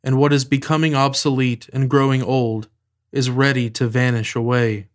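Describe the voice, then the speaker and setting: A man leading prayer as officiant, reciting liturgy and scripture in a solemn, measured reading manner. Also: mid-range voice, little pitch movement.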